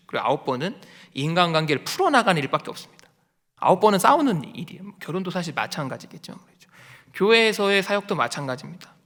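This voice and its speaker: A male pastor preaches in an easy, conversational way, his voice high and bright. Long reverb trails each phrase, as in a church sanctuary. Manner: conversational, animated, acts out quotes. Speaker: associate pastor. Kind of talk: sermon.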